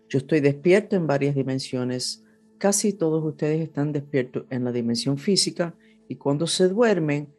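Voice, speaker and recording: A woman's voice: a bass voice, darkish tone. Woman, second-language Spanish, over music. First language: not Spanish (Spanish is second language). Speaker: astrologer, horoscope presenter. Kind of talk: unscripted horoscope and spiritual talk to audience.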